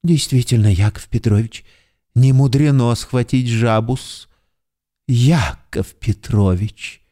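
A man's voice: medium pitch, slow pace, warm tone, lightly acted. A man voicing a timid, fawning middle-aged clerk who keeps pleading humbly and formally for forgiveness in an audiobook. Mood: fervent. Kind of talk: audiobook character voice.

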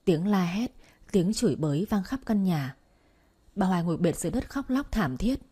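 Low, warm-toned woman narrating a story. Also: lively intonation, normal speed, slightly rough. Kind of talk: audiobook narration.

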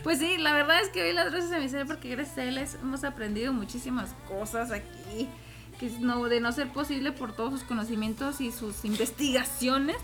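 A woman's voice: sits high, a little fast, over music. Chatty northern Mexican woman radio host. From Chihuahua, Mexico. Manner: chatty, laughs often, playful. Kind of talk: casual radio chat. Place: radio studio.

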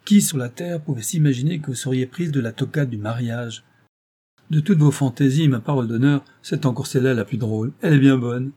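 A man voicing a tipsy, boisterous young gentleman in an audiobook, loud and teasing. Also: mid-range voice, normal speed, slightly rough, lightly acted. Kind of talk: audiobook character voice.

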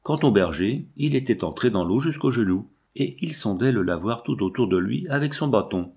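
A man narrating a classic novel as an audiobook, in a measured literary reading. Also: lowish voice, expressive, a little mellow, slightly rough.

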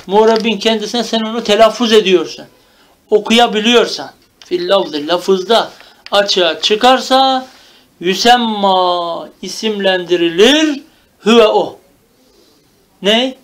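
A man's voice: high-pitched, fairly bright tone. A man teaching a classical grammar text, reading each Arabic phrase and then explaining it in Turkish, often checking with "tamam?". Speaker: religious teacher.

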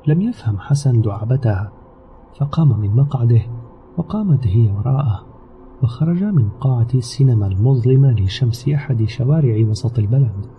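A man narrating an audio novel in a steady, measured storytelling manner. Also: mid-range voice. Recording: slightly dull recording with background music. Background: soft music.

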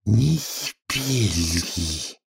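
A man voicing a sleepy female dormouse from a storybook, in a slow, high, drawling voice. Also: animated, gravelly, husky, exaggerated voice. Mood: drowsy.

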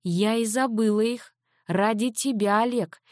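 Wounded, proud mother, read by a woman narrator: raised pitch, reproachful edge. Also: measured pace, a little mellow, no room sound, clean studio sound, lightly acted. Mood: hurt.

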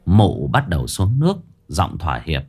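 A male storyteller with a lowish voice reads a horror tale dramatically, his pitch rising and falling a lot. Soft music plays underneath. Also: sing-song, normal speed, breathy edge.

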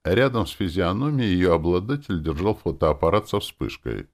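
A man narrating a fantasy novel in the first person, with expressive storytelling. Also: sits low, moderate pace. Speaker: audiobook narrator.

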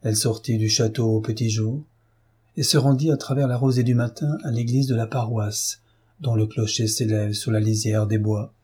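French guy reading an old novel aloud, dark mellow husky voice, calm and measured. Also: mid-range voice. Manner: measured, even storytelling. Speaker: narrator. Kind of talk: literary audiobook reading.

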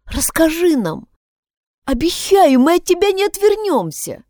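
Woman reader doing a kind teen girl, coaxing, warm-toned and lively. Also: very high voice, a little slow, dry recording, clean studio sound, voice pushed up, exaggerated voice. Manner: gentle, coaxing. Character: kind teenage schoolgirl twin. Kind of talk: audiobook character voicing.

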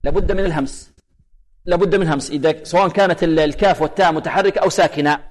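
Man, tajweed teacher, explains then drawls out examples, raised pitch, reverberant hall. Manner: explains rules, then slowly demonstrates letters and verses. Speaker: Quran recitation teacher. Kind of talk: tajweed lesson with recited examples.

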